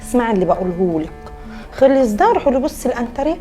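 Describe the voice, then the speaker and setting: A woman's voice: on the high side, sing-song, racing, dark tone, soft background music. A woman with an Egyptian accent acting a bossy, scheming adviser who scolds her friend. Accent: Egyptian Arabic.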